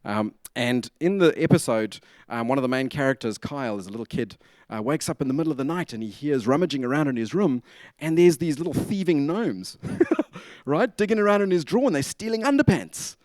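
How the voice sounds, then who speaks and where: A man with a slightly high, expressive, somewhat mellow voice speaks a little fast, with no echo. He's giving a chatty conference talk at a conference venue, tossing in jokey asides and repeatedly asking the audience for nods.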